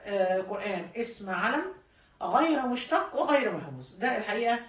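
Fast-talking Egyptian woman lecturing. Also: medium pitch, big pitch swings, echoey room, far from the mic. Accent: Egyptian Arabic. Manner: explains patiently, repeats key points, self-corrects mid-word. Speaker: religious studies teacher. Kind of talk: classroom lecture.

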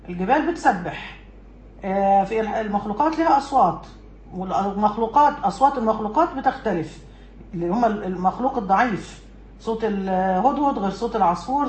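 A woman with an Egyptian accent giving a religious lesson from a book, emphatic and putting rhetorical questions to her listeners. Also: medium pitch. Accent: Egyptian Arabic. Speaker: religious teacher. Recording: echoey room with faint background noise.

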